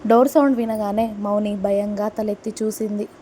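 A woman reading a serialized love story aloud and saying every character's lines herself in a plain, steady delivery. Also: mid-range voice, moderate pace, slight background noise.

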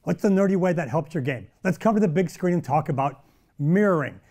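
Middle-aged guy hosting a golf lesson, high voice but mellow, punchy, lots of pow and boom. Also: animated, brisk. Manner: punchy, demonstrative, with sound-effect words like pow and boom. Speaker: golf instructor and show host. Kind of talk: energetic golf lesson to camera.

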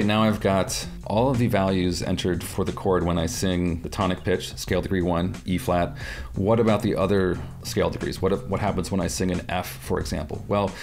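In this screen-recorded audio software tutorial, a man with a low, gravelly voice explains things calmly and step by step, occasionally restarting a phrase. He uses headset-style headphones and appears in a webcam inset.

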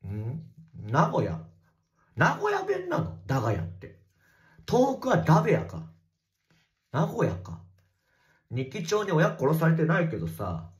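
A man livestreaming from a bathroom, reading viewer comments in casual chat and swearing at commenters in a rough, teasing way. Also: a little high, huge pitch swings, unhurried, long pauses. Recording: echoey bathroom.

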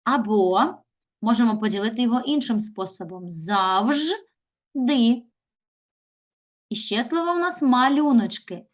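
A woman teacher giving a recorded lesson to young children. She reads words aloud and stretches out their syllables slowly. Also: fairly high pitch, animated. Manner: slow, drawn-out syllables when sounding out words. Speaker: primary school teacher.

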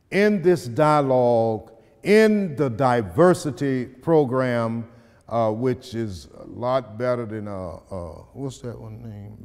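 In a spacious, sunlit hall lined with tall arched windows, a distant camera records a middle-aged man who is a poet and community speaker. His medium-pitched, creaky voice moves through stories and spoken-word poems at a slow, measured pace, pausing for drama and growing loud for emphasis in verse. Reverb from the large room hangs on every line.

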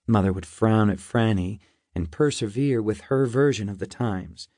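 A man reading a novel aloud in first person, in a measured and reflective way. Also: lowish voice, mellow, no echo, studio quality. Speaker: audiobook narrator. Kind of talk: scripted first-person narration.

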